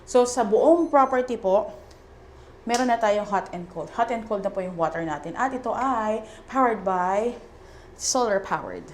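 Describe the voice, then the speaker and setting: A young Filipino real estate agent gives a chatty, enthusiastic house tour, mixing English and Tagalog as she walks through casually. Her mid-range voice is animated and unhurried, with slight background noise.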